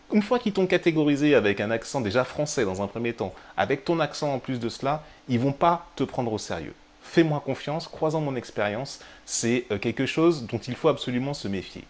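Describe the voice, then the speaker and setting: Male host, French accent, chatty live-stream teacher, mid pitch. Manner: chatty and direct, addressing viewer as tu, frequent euh fillers. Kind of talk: live-streamed English tips. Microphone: webcam or phone of a live stream.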